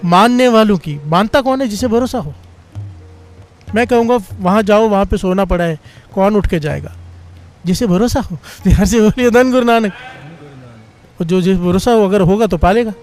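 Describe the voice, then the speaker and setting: A man's voice: high voice, darkish tone. A man giving a Sikh sermon, telling a story and leading a repeated refrain. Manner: repeats a call-and-response refrain between points; chants scripture lines slowly. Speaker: Sikh preacher.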